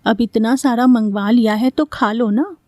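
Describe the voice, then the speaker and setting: A woman's voice: fairly high pitch, normal speed, mellow, no room sound, clean studio sound, natural voice. A woman voicing a dramatic, scheming mother-in-law who talks theatrically and often sounds exasperated.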